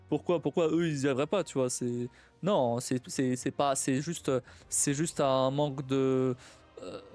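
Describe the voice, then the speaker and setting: A young man of Portuguese family chats casually on a live stream, thinking aloud in a somewhat high voice with a darkish tone. He stumbles, repeats himself and restarts often, laughing frequently along the way.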